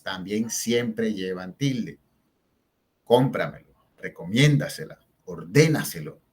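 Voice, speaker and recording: A male teacher walks through spelling rules step by step. He slows down to stress each example word and keeps checking in with short questions. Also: medium pitch. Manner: explains step by step, asks "¿verdad?" and "¿sí?" to check in. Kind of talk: spelling and grammar lesson.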